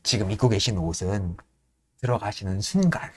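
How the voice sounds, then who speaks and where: A man's voice: on the low side, sing-song, moderate pace, voice pushed down. A man voicing a cautious, polite ship officer addressing a young lady. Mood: deferential. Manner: deferential, hushed.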